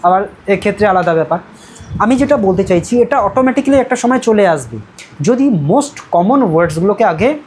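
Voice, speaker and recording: A woman's voice: fairly low pitch, darkish tone, slight background noise, rough recording. A woman from Medinipur with a Medinipur Bengali accent, teaching a spoken English class. She explains step by step in a classroom and keeps checking in with her students. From Medinipur, West Bengal. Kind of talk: classroom lesson.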